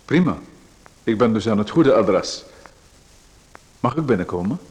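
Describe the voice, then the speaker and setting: With a fairly low, husky voice that's expressive and a little slow, a man takes on the radio-play role of Macon. The character is a nosy, overbearing male stranger who makes himself at home and piles on request after request.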